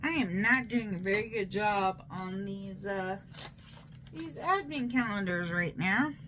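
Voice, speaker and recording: A woman's voice: mid-range voice, unhurried, a bit bright, a little hiss or hum. A tipsy woman, rambling loosely and playfully through a casual makeup unboxing vlog. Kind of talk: casual rambling product show-and-tell.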